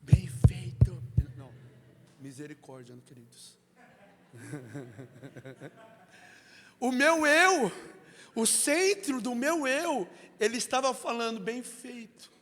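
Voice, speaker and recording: A male pastor preaching a sermon, acting out dialogues and building to shouts, in a church. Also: extremely high pitch, very animated, takes it slowly, pauses often. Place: church sanctuary. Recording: reverberant church hall.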